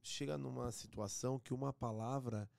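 Um homem brasileiro conversando à vontade, cheio de gírias, divagando nas histórias. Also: male voice, mid-range voice, fairly even intonation, moderate pace, vocal fry, a little mellow, dry recording. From Brazil. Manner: slangy, rambling, says mano a lot. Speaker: band member guest. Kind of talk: casual podcast chat.

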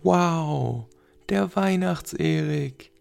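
A man voicing an excitable, stubborn little boy who exclaims eagerly. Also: mid-range voice, normal speed, creaky, breathy edge.

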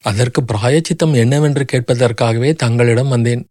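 A man's voice: medium pitch, steady tone, normal speed, darkish tone, no echo, studio quality, natural voice. A man voicing a grief-stricken young noblewoman who pleads desperately through sobs. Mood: grieving plea.

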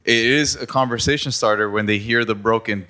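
Hesitant man with a bright, low voice. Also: a little fast. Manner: hesitant, many "like" fillers. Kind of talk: casual chat.

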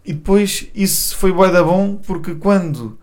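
A man's voice: sits high, a little slow, a little mellow. A young man with a Portuguese accent, a guest rapper chatting casually on a podcast, rambling with lots of slang fillers.

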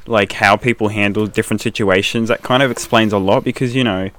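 A young man with a lowish voice riffs through a casual reaction chat. He is blunt and swears freely, and he slips into mocking voices for laughs. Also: steady tone, fairly quick, a bit bright. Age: young adult. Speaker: co-host.

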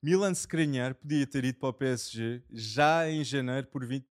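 A man co-hosting a casual sports podcast, talking lively and laughing often. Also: mid-range voice, moderate pace. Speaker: podcast co-host.

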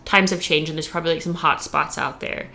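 Bright-voiced chatty woman. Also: low voice, brisk, gravelly, roomy sound, a little hiss or hum. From Texas. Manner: chatty, animated storyteller. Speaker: podcast co-host. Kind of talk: casual chat.

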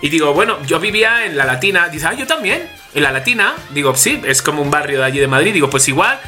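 A man with a Spanish accent from Spain, co-hosting a casual podcast chat and telling stories lively, acting out each person's lines. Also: fairly high pitch, fast talker, soft background music. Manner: animated storyteller acting out dialogue. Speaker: podcast co-host.

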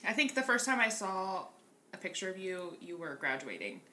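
A woman's voice: lowish voice, very animated, moderate pace, pushed and bright, slight background noise. A woman in her twenties, a podcast guest chatting candidly and laughing easily. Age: 20s. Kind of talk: casual podcast chat.

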